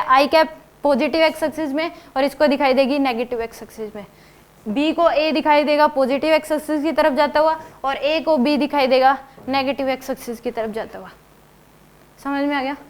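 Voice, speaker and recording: A woman teaching physics in a classroom lecture, explaining step by step and putting rhetorical questions to her students. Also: sits high.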